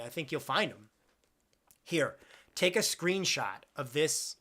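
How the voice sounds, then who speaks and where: On a live stream, a twenty-something man reads out viewer questions and rambles, cracking jokes at his own expense. His voice sits on the high side, with a bright, forceful tone.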